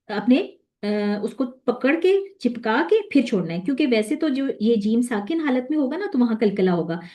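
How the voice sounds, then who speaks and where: A woman's voice: a little high, dark tone. A woman, teaching a tajweed lesson, patiently demonstrating letter sounds and checking in with her students. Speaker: Quran recitation teacher.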